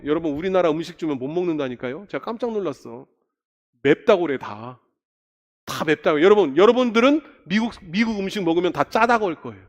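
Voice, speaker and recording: A middle-aged man preaches from the pulpit in a high, animated voice whose pitch swings widely. He talks conversationally and keeps asking the congregation questions. The long reverb of a church sanctuary trails behind every phrase. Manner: asks the congregation frequent questions. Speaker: pastor. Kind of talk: sermon.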